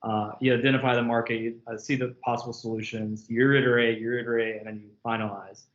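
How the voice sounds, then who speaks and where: A man's voice: mid-range voice, little pitch movement, fast. Man, about thirty, interview guest, casual chat, filler words, laughs a lot, echoey room, muffled sound. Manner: chatty, laughs often, many filler words. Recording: echoey, muffled call audio.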